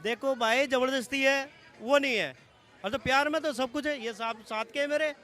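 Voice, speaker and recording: A man answering a street interviewer in a relaxed way, repeating again and again that nothing troubles him. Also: extremely high pitch, moderate pace, faint music behind. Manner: easygoing, insistently repeats that there is no problem.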